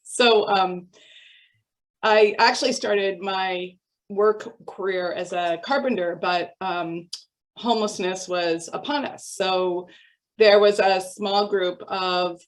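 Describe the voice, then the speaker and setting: A woman's voice: mid-range voice, steady tone, slow pace, low-quality recording. An older woman, a housing consultant, introducing herself in a thoughtful, earnest way on a video call. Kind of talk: online community meeting introduction.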